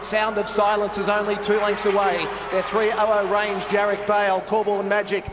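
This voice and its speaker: Clear background noise surrounds a man calling a greyhound race live. His pitch is high and stays within a narrow, even band. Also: normal speed, crowd noise. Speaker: race caller. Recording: clearly noisy trackside broadcast.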